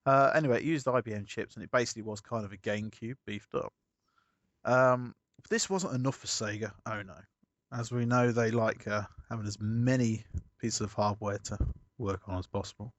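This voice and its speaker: A man's voice: lowish voice, brisk, no echo, muffled recording. A man chatting casually as a podcast co-host, rambling through a story and correcting himself as he goes. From United Kingdom.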